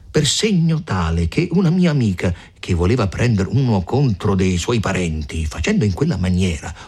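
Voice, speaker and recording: Male reader doing a sharp-tongued peasant mother, husky, lively, for audiobook. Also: mid-range voice, pitched above the performer's own voice. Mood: indignant. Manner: lively, insistent, raised voice. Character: shrewd scolding peasant mother, older woman. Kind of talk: audiobook reading.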